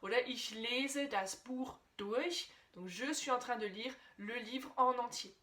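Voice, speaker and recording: A woman's voice: fairly high pitch, pushed and bright. Patient woman teaching a language lesson. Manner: explains patiently, often checks in with "d'accord?"; slows right down to pronounce example sentences. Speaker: German teacher.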